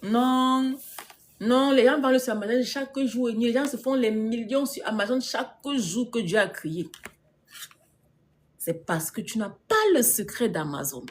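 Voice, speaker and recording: With a slightly high voice and a moderate pace, a business coach talks informally on a live stream and replies to comments from viewers. She repeats herself for emphasis, laughs a lot, and mixes English words into what she says.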